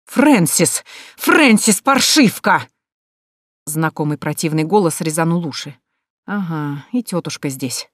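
An audiobook narrator reads a novel in a steady, expressive voice with a moderate, mid-range pitch. The recording is dry and close, with no room sound. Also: dry recording. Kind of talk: scripted narration.

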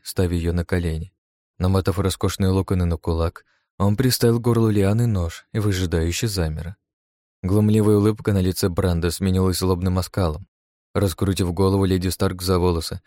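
A man reading a first-person adventure audiobook in a steady, measured storytelling voice. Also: sits low, no room sound, studio quality. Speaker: audiobook narrator. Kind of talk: first-person scripted narration.

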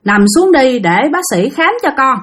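A worried mother, coaxing and pleading, voiced by a woman storyteller. Her voice is fairly high and lively. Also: moderate pace, exaggerated voice.

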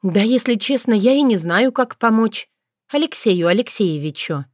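A woman's voice: medium pitch, lively intonation, normal speed, a little mellow, no room sound, studio quality, lightly acted. A woman voicing a polite young woman doctor who speaks carefully and hesitantly. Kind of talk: audiobook character voice.

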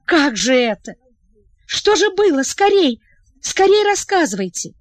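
Anxious young princess, high voice, pleading questions, read by a woman. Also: big pitch swings, a little slow, no echo. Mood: excited.

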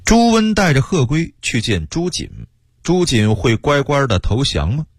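A man narrating a history tale for radio in a studio, lively and joking with the listener. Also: medium pitch, unhurried, slightly rough, faint music behind. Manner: lively, jokey asides. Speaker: radio storyteller.

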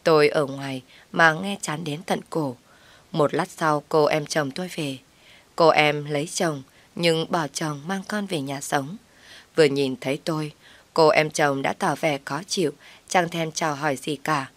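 A woman telling a scripted first-person story in a calm, even manner. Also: sits low, unhurried, no room sound. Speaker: narrator.

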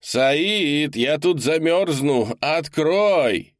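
A man voicing a desperate, freezing male geologist who is shouting and pleading to be let in, in an audiobook. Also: fairly high pitch, animated, extremely slow, no echo, studio quality, pitched above the performer's own voice.

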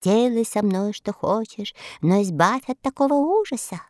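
A woman's voice: mid-range voice, lively intonation, normal speed, darkish tone, no echo, clean studio sound, natural voice. A woman voicing a frightened father pleading for mercy in a storybook reading.

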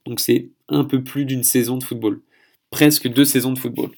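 Gravelly French man podcasting solo. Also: medium pitch, little pitch movement, normal speed, a little mellow. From France. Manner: chatty, hesitant, stumbles on foreign names. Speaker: podcast host.

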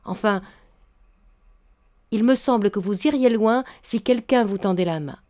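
A woman reading a story aloud, voicing an old spinster matchmaker who speaks in a flattering, unctuous way. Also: medium pitch, measured pace, close to an everyday voice. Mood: coaxing. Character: old honey-tongued spinster matchmaker, scheming. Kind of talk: audiobook reading.

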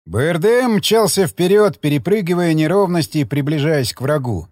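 A man narrating an audiobook with steady, expressive storytelling. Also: on the high side, moderate pace, dry recording, studio quality.

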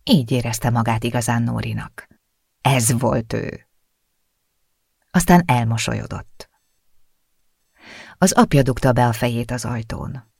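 A male audiobook narrator reading at a calm, measured pace. His voice has a gravelly grain and sits at a mid pitch, recorded dry and close. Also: dry recording. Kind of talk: scripted narration.

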